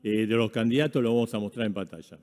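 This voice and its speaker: Man, debate moderator, measured with fillers, dark voice, long hall echo. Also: fairly low pitch. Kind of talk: formal moderation.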